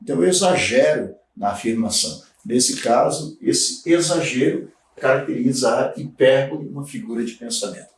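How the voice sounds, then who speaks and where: A man teaching a grammar lesson, explaining slowly and deliberately with pauses and frequent tag questions. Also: medium pitch, distant mic, a little hiss or hum. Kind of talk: recorded grammar lecture. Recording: echoey room, voice off-mic.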